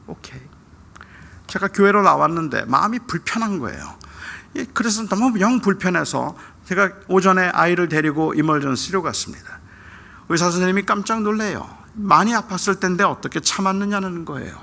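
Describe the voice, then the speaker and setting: Middle-aged male pastor, very gravelly and forceful, storytelling sermon that jumps from shouting to whispers. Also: sits high, expressive, fairly quick. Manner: personal storytelling, swinging from loud outbursts to hushed whispers. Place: church sanctuary at a dawn service.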